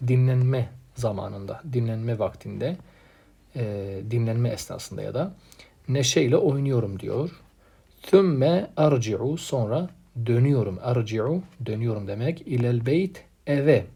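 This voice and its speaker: A man's voice: mid-range voice, gravelly, warm tone, breathy edge. A male teacher walking students through a textbook lesson, reading words aloud with emphasis and then translating them plainly, often repeating key words. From Turkey. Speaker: Arabic teacher.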